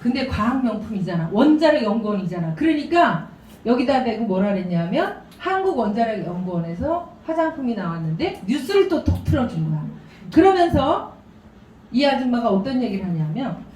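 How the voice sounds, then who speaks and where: Animated woman telling stories at a seminar. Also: on the high side, fairly quick. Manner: animated, storytelling, laughing asides. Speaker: seminar speaker. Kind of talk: business presentation. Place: seminar room. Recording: echoey room, distant mic.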